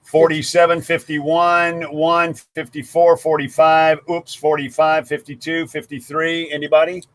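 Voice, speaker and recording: A man's voice: on the high side, little pitch movement, measured pace, no echo. A man co-hosting a casual live stream, folksy and chatty, rattling off viewer guesses. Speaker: livestream co-host.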